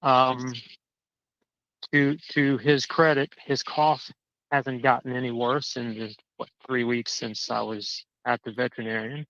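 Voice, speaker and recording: A man calling in on a crackly phone line that fades in and out, walking a dog outdoors and telling his story in a halting, indignant way, often repeating words. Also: medium pitch, flat delivery, creaky, a bit bright, no room sound. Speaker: caller. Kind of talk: casual chat. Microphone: cell phone.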